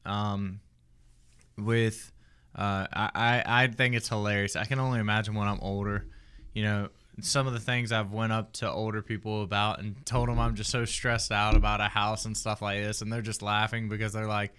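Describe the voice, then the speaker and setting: A man co-hosting a podcast, talking in a halting way with many restarts. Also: on the low side, level tone, a bit bright, clear, resonant tone. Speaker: podcast co-host. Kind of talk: casual chat.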